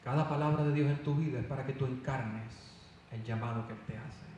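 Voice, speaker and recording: A man preaching a fervent sermon with loud emphatic calls. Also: medium pitch, steady tone, brisk, lo-fi sound, slight background noise. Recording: echoey hall, voice from far off.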